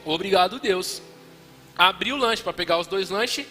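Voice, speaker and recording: A young man with a São Paulo accent preaches a testimony in a casual, slangy way. His voice is bright and forceful and sits a little high. The long reverb of the church hall and faint music stay behind him. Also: normal speed. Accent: São Paulo Portuguese. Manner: slangy, animated storytelling.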